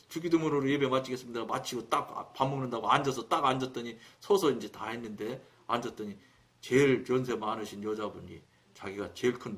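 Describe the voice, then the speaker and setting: A man preaching on his own broadcast, telling a story in a colloquial, animated way and acting out the dialogue. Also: medium pitch. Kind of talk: storytelling sermon.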